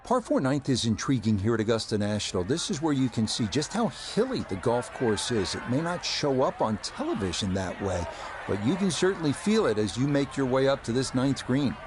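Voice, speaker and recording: A man playing a composed golf commentator, with measured, scripted broadcast delivery and folksy asides, in a video game. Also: medium pitch, sing-song, natural voice. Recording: crowd ambience and clear background noise. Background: golf crowd ambience.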